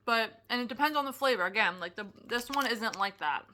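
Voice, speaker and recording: A young woman reviewing snacks in a casual vlog, chatty and excitable, with lots of fillers and restarts. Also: on the high side, fairly quick. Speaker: product reviewer.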